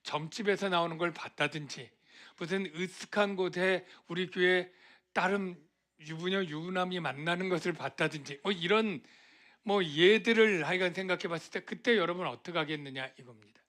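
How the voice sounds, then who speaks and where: Bright-voiced Korean pastor preaching. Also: male voice, sits high, moderate pace. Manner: conversational preaching, asks the congregation questions, acts out quoted voices. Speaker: senior pastor. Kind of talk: sermon.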